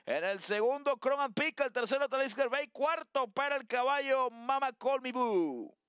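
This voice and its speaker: A male race caller with an extremely high-pitched, bright, forceful voice. He commentates live with urgent projection, and the sound is dry and close. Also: lively intonation, moderate pace, clean tone, no echo.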